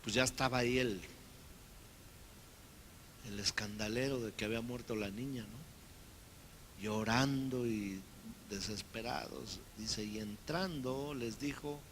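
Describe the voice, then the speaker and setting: A man preaching from the pulpit with a bright, forceful tone. He talks to the congregation in a lively way and slips into the voices of the people he quotes. A faint rumble sits in the background. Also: takes it slowly, pauses often. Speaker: pastor. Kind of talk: sermon.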